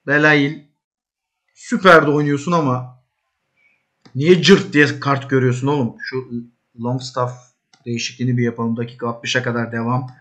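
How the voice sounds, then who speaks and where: A man playing a football management game, talking to his players as their coach, calming and scolding them and shouting when an attack builds. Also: moderate pace, long pauses. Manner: bursts into high shouts at attacks. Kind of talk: live commentary while gaming.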